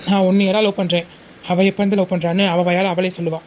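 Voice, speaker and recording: Woman playing a cartoon boyfriend, talks super fast, mellow voice, kinda muffled recording. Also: fairly low pitch, level tone, slight background noise, natural voice. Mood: defiant. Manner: soothing, reassuring, quick talking. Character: young man, loving and protective boyfriend. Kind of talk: homemade animated cartoon dialogue.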